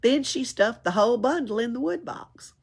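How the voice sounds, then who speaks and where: A library read-aloud reader with a fairly high, breathy-edged voice reads a children's story at normal speed. Her delivery is expressive, full of chuckles and added asides.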